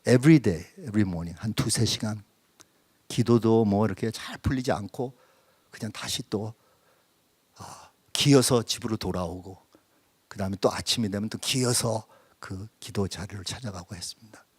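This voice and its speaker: In a church, a male preacher shares a personal testimony as his sermon, speaking intimately, at times dropping to a whisper before rising into emphatic questions. He mixes English phrases into his speech. His fairly low, darkish voice has a breathy edge, runs at normal speed, and carries no room sound.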